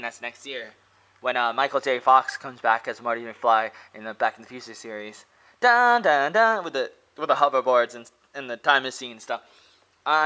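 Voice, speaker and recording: Rambling young American man, bright voice. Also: medium pitch. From Oregon, USA. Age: 20s. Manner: rambling and earnest, heavy use of "like", repeats himself. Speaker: vlogger and English teacher. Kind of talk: casual to-camera monologue. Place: small indoor room. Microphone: laptop webcam close up.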